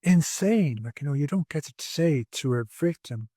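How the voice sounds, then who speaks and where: A man's voice: a little high, animated, moderate pace, mellow, dry recording, studio quality. A man in his sixties, a podcast guest at home, telling his personal story in an earnest, reflective way with frequent restarts. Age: 60s.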